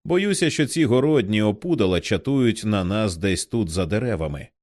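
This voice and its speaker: A man reading the part of an impulsive, excitable young man who speaks in exclamations. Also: on the low side, normal speed, no echo, studio quality, close to an everyday voice. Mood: excited.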